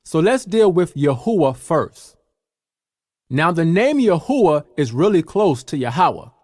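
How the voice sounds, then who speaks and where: A man teaching from slides, explaining clearly and step by step. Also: fairly high pitch, big pitch swings, unhurried, a little mellow, no echo, studio quality.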